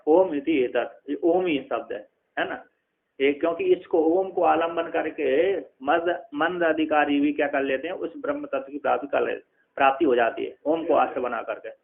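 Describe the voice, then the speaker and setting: A man teaching scripture in a discourse, reciting Sanskrit lines slowly and then explaining them with many restarts. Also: fairly high pitch, creaky. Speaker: Vedanta teacher. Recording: phone-like narrow sound.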